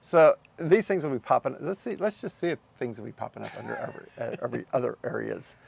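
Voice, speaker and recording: A man's voice: mid-range voice, lively intonation, fast talker, vocal fry, slightly rough, dry recording. A man running a camera shop, chatting casually in a rambling way, repeating himself and restarting.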